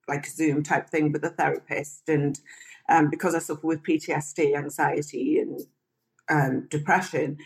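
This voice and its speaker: A woman, an interview guest telling her life story frankly and chattily. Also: low voice. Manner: frank, chatty, mimics people when quoting them. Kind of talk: candid personal storytelling.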